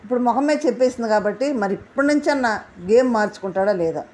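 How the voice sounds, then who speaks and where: Animated woman recapping a show. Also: a little high, fast talker. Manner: animated retelling, acting out quotes, asking rhetorical questions. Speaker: reality show commentator. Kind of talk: casual spoken recap and commentary.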